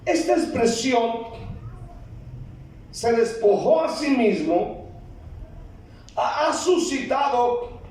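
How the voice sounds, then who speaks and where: A man with a Guatemalan Spanish accent preaching a sermon, emphatic and deliberate, sometimes rising to a shout. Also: extremely high pitch, animated, distant mic. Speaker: pastor. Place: large church hall. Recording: echoey hall, preacher off-mic, faint ambience.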